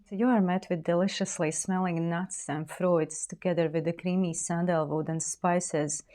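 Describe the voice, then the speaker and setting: Raspy-voiced woman reviewing perfumes, low-pitched. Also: mellow. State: raspy from a cold. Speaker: perfume channel host.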